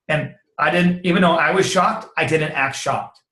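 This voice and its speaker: A man giving a casual, energetic sales training talk, slangy and quick to act out sample conversations. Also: on the high side. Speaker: network marketing trainer. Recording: roomy echo.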